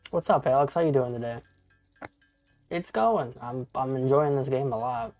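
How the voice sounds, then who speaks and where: A man in his thirties chats casually with viewers while gaming on a live stream, rambling, swearing, and often calling people bro and dude. His medium-pitched voice is very animated and a little mellow, at a normal pace, with soft music in the background.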